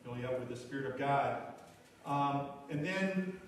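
Man preaching in an echoey church. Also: mid-range voice. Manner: relaxed, halting, many fillers. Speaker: guest speaker. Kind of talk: sermon with opening prayer. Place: small church hall with congregation. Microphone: far camera at back of room. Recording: echoey room from far off.

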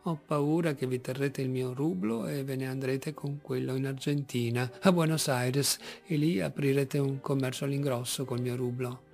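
A plaintive, sleepy old bearded man, as a male reader puts him on drones in a sing-song. The gravelly voice rises a little above the reader's own. Faint music lies under the storybook reading. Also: mid-range voice, fairly even intonation, normal speed, few pauses, darkish tone, natural voice.

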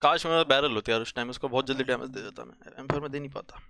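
A man's voice: medium pitch, vocal fry, sharp tone, no echo. Young male streamer, dry close mic. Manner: casual, quick callouts and banter. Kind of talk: live game streaming with teammates.

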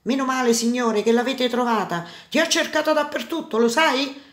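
A bold young street hero, as a woman reads him aloud, talking in a lively, cheeky way. A plain storybook voice, a little higher and brighter than the narration. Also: moderate pace, natural voice.

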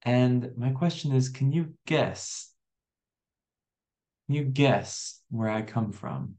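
A young American man gives an English lesson in an unhurried, measured way. He keeps a middle pitch, repeats words and puts friendly questions to the viewer. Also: a little mellow. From USA. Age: 20s. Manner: slow, friendly teacher talk, repeats words and asks questions. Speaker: English teacher.

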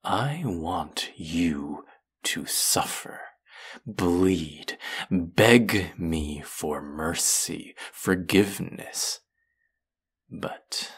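This is a man acting as a vengeful and brilliant fantasy villain for an audio roleplay, his deep voice carrying a breathy edge. Heavily acted, deliberate and sardonic, he taunts with sadistic threat, his intimate delivery able to fall nearly to a whisper.

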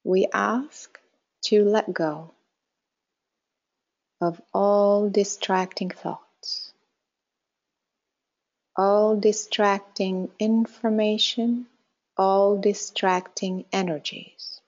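This guided meditation is led by a woman who speaks at an exceptionally slow pace, pausing at length between instructions. Her voice is mid-range, steady and calm, with soft endings to her phrases; the audio sounds somewhat muffled.

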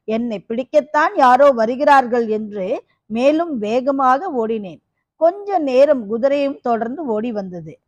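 A woman's voice: sits high, dry recording, dull audio. A woman voicing a fearsome, half-crazed female kapalika with a harsh voice, in an audiobook.

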